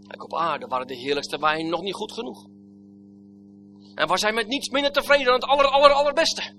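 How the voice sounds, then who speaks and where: A man preaching a sermon with old-fashioned biblical phrasing, swinging between loud exclamations and hushed, near-whispered lines. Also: high voice, a little fast, faint music behind.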